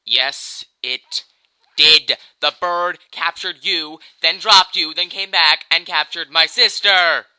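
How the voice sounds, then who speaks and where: In a video game parody, an amateur performer voices a whiny, exasperated boy hero, delivering lines sarcastically, casually, and haltingly. The voice is mid-range with a bright, forceful, clean tone.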